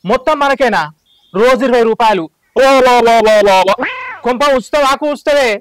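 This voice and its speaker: A man with a Telangana accent playing a sharp-tongued old village mother-in-law who taunts and scolds. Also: extremely high pitch, fast, no room sound. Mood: scolding. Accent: Telangana Telugu. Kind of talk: village comedy skit acting.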